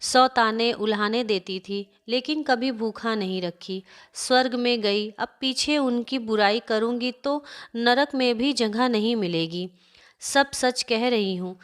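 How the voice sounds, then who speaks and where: A woman voicing an older mother-in-law who wails and reproaches her son in a family story. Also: on the high side. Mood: tearful. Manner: wailing, reproachful.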